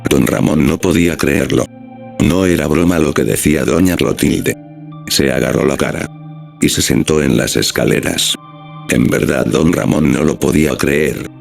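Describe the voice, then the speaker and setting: A man narrating a scripted horror story in a flat, steady storytelling manner. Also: extremely low pitch, moderate pace, vocal fry. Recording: music playing underneath.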